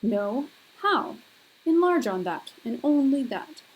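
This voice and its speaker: A woman lecturer putting on a deeper, manly voice for a stern male god, speaking in a slow, measured way. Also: big pitch swings, heavily acted, low-quality recording. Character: stern male god defending his deed.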